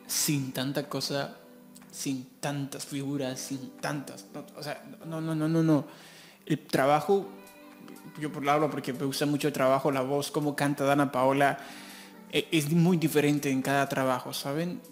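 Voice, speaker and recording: A man reacting to music on his channel, gushing and excitable, often breaking into laughter as he comments. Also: on the high side, unhurried.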